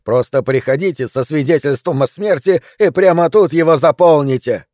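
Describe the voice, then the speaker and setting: A man voicing a cranky middle-aged hypochondriac in bed who rants loudly and drags out his words. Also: on the high side, dry recording, studio quality, lightly acted. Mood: ranting. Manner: shouting, indignant, drawn-out emphasis.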